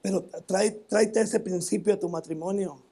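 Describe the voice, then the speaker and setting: High, gravelly northern Mexican pastor. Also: male voice, steady tone, warm tone. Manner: repeats "hermano" often, halting restarts. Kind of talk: sermon with personal testimony. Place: church.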